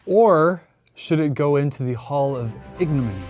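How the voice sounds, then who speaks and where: A man's voice: fairly high pitch, moderate pace, darkish tone, soft background music. A man co-hosting a casual chat, telling stories with playful self-mockery. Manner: playful, self-mocking storyteller. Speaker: co-host.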